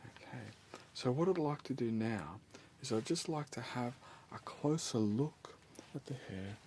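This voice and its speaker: A man doing an ASMR role-play as a scalp examiner, speaking softly, soothingly and reassuringly with unhurried instructions. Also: mid-range voice, lively intonation, slight background noise. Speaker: ASMR performer playing a scalp-check examiner.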